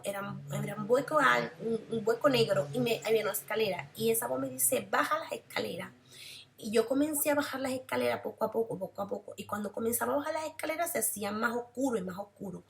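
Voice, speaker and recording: A woman's voice: a little high, gravelly. A woman giving an emotional personal religious testimony, repeating phrases for emphasis.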